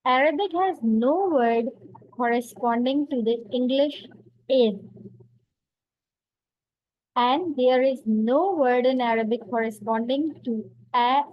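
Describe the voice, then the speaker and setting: A woman teaching a beginner Arabic lesson, explaining slowly and patiently and repeating each word for learners. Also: fairly high pitch, dull audio.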